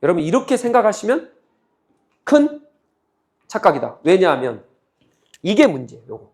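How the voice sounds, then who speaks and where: Male pastor, high voice, teaching sermon, asks and answers his own questions, acts out quoted voices. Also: moderate pace. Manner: acts out quoted voices in a lively back-and-forth. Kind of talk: sermon teaching on a Bible book.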